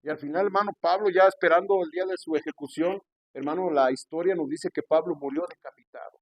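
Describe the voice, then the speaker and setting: A man's voice: a little high, fast, no room sound. Man, pastor preaching, earnest and pleading, raised voice, dry close sound. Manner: earnest preaching, addresses listeners as brother again and again. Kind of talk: sermon.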